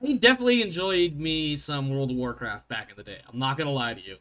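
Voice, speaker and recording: A man's voice: medium pitch, fast talker. A man hosting as game master in casual, sweary group banter, often interrupting himself. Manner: sweary, self-interrupting, animated. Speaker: game master and show host.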